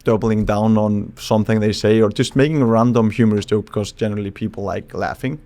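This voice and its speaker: Low-voiced man, halting and thoughtful. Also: steady tone, dark tone. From Iceland. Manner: thoughtful, halting, restarts mid-phrase. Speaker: psychologist and charisma expert guest. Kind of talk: casual podcast interview.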